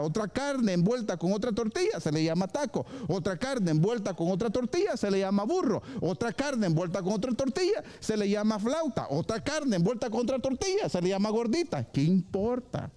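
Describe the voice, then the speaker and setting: A male pastor with a very high voice delivers a live sermon at a church service. He's lively, acting out brief dialogues and slipping English phrases into his preaching.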